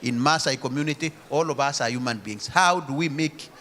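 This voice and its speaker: A man from Kenya speaking earnestly on a conference panel, with halting restarts. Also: mid-range voice, a bit bright. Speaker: panel speaker for a climate justice alliance. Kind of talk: panel discussion remarks.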